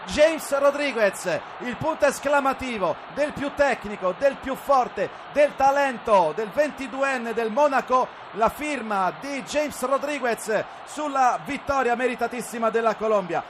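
Male commentator for breathless Italian goal calls, shouted and very high, over a noisy broadcast. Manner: excited shouting with drawn-out names. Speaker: football commentator.

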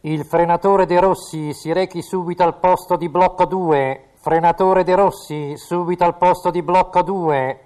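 A man voicing a station loudspeaker announcer. The voice sounds crackling and tinny, as if it comes through an outdoor loudspeaker, and it repeats the same call insistently in a comic radio monologue. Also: high-pitched, steady tone, normal speed, long pauses.

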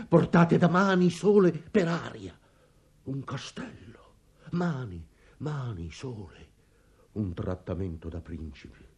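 An actor playing an anguished old merchant father in a radio play, speaking with dramatic swells and hushed moments. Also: medium pitch, gravelly, husky, heavily acted.

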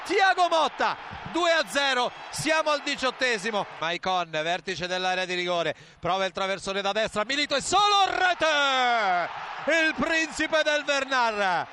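Very high, emphatic male football commentator. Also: expressive. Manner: emphatic, drawn-out exclamations. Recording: clearly noisy stadium feed.

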